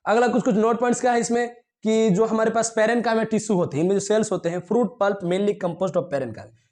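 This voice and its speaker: A man teaching a biology lesson to students, asking questions and answering them himself, clearing his throat now and then. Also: high-pitched, fairly quick, a little mellow. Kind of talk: classroom lecture to students.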